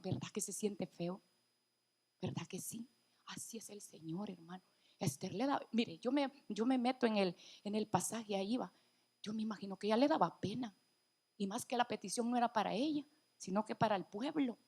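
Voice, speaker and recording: Woman elder preaching, high voice, gets loud and emotional then drops real soft. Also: husky. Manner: emotional, rises to loud fervent passages then drops to near-whispers; addresses congregation as brother, many restarts. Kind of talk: sermon.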